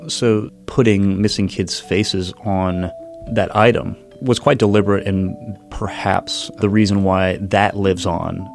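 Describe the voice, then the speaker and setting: A man's voice: deep voice, steady tone, slow, vocal fry, soft background music. A man, a historian giving formal, academic commentary in an interview. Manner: scholarly, formal wording.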